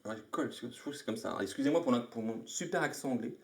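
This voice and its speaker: A man's voice: medium pitch, lively intonation, fast talker, darkish tone. A man with a mid-range voice talks through game rules in a loose, chatty way, stopping to greet viewers along the way. The sound is roomy and echoey. His delivery is casual and unscripted. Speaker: live-stream host. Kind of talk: casual board game rules explanation on a live stream. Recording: echoey room.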